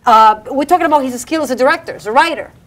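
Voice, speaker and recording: A woman's voice: high-pitched, racing. Effusive woman hosting a talk show. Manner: effusive, repeats herself, warm asides to guests. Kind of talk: casual interview chat.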